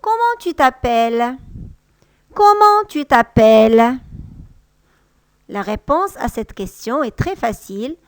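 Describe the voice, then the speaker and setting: A woman teaching a language lesson. She speaks patiently and repeats each example sentence slowly and a little louder. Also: on the high side, expressive, no echo. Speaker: French teacher. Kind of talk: slow, clear language lesson.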